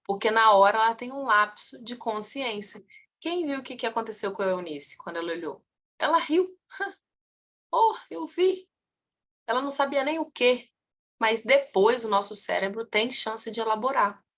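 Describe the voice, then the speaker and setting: Lively Rio-woman lecturing a class. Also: a little high, normal speed. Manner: asks the class rhetorical questions and answers them; lively, swings in loudness and pace. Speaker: family constellation teacher.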